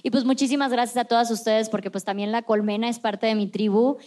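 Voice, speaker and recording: A woman with a slightly high voice hosts a relaxed podcast conversation. She talks in a lively, joking and emphatic way. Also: fast. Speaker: podcast host. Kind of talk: casual podcast chat.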